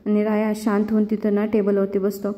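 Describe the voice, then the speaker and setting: Speaking quickly in a warm, medium-pitched voice, a woman retells a TV serial episode and voices the characters' quoted lines, yet her delivery is completely flat. The sound is muffled and lo-fi with lingering reverb.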